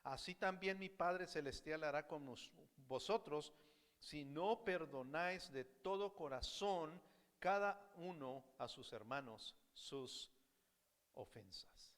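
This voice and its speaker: A man's voice: a little high, takes it slowly, in a large hall. A man preaching a sermon as pastor, switching between Spanish and English and repeating each point, often asking the congregation questions. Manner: animated, asks the congregation questions. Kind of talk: bilingual sermon, preaching and self-translating. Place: church sanctuary.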